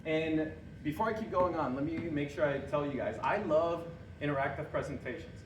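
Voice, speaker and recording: A young Honduran presenter with a fairly high voice talks briskly to a live audience, joking, quizzing them and chuckling at his own jokes. A distant room mic picks him up in an echoey hall, with background noise.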